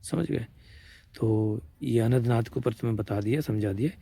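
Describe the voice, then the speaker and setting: A man's medium-pitched voice, warm with vocal fry and a breathy edge, comes at normal speed with no echo. He has a Braj-region Hindi accent and is a spiritual teacher in an informal discourse, explaining patiently, repeating points, and checking understanding with "samajh rahe hain?".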